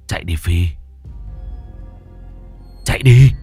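A man's voice: on the high side, wildly swooping pitch, slow pace, a little mellow, soft background music, pitched above the performer's own voice, exaggerated voice. A man doing a crazed, muttering young man. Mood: eerie dread. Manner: eerie repeated muttering.

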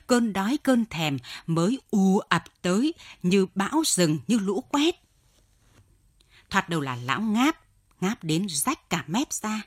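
A woman reading a story aloud in an expressive, dramatic narration. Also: lowish voice, husky, no room sound, clean studio sound. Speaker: audiobook reader.

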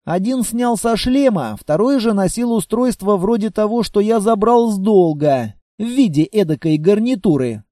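A male audiobook narrator with a fairly high voice, mellow and dark in colour. He reads a first-person story in a steady, even way, recorded close and very dry. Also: moderate pace, few pauses, dry recording.

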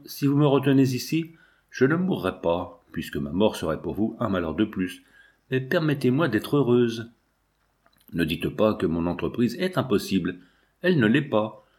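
A man's voice: lowish voice, darkish tone, lightly acted. A man reading a devoted young daughter's fervent plea. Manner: fervent, imploring. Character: devoted young woman pleading with her parents.

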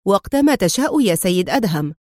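A woman's voice: mid-range voice, very animated, brisk, a little mellow, dry recording, studio quality. A woman reading a storybook, voicing a groveling male turncoat who speaks eagerly and fawningly.

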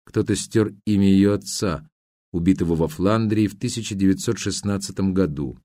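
Low, mellow male audiobook narrator. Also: moderate pace, no room sound, clean studio sound. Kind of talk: scripted novel narration.

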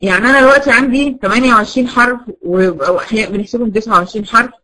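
Fast-talking Egyptian woman teacher. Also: fairly high pitch, pushed and bright, poor audio. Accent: Egyptian Arabic. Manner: asks a question and answers it herself, repeating points. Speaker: Quran recitation teacher. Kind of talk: teaching a class of girls.

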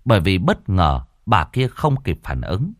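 A man narrating a horror story in an expressive, theatrical way. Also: deep voice, unhurried, dry recording, studio quality.

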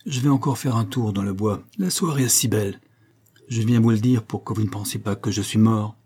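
Guy doing a gruff old sea captain, dark husky voice. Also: fairly low pitch, a little fast.

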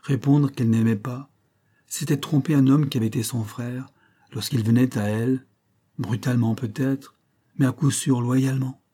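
A man narrating a classic novel as an audiobook in a measured, dramatic reading. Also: mid-range voice, steady tone, mellow.

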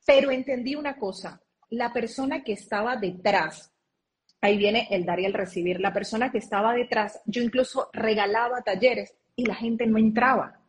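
A woman's voice: fairly high pitch, moderate pace. A woman speaking as an interview guest over a video call, earnestly explaining and drawing on her own experience.

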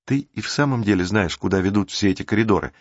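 A man's voice: lowish voice, fast talker, dry recording, natural voice. A man reading the part of a sceptical teenage boy who grumbles and teases, in a dry, dull recording. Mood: questioning. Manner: grumbling, teasing.

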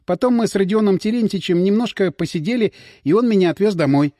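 A man's voice: high voice, fast, dark tone, no room sound, studio quality, natural voice. A man voicing a frightened, pleading young woman. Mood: defensive. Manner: pleading, defensive. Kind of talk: audiobook character voice.

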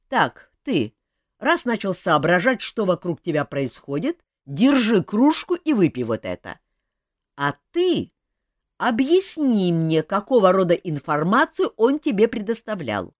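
A woman voicing a grumpy, stern man in a fantasy audiobook, gruff and lecturing. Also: fairly low pitch, sing-song, unhurried, no room sound, studio quality, pitched above the performer's own voice. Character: grumpy, stern adult man, sharp-tongued.

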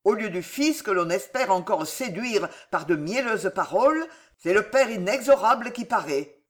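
A woman voicing a harsh old male constable in an audiobook, speaking gruffly and with scorn. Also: mid-range voice, expressive, drawn-out words, a little mellow. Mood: scornful. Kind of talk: audiobook reading.

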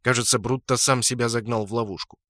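A man reading a first-person fantasy novel in a steady storytelling manner. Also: medium pitch, quick pace, no room sound, studio quality. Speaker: audiobook narrator. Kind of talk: first-person fiction narration.

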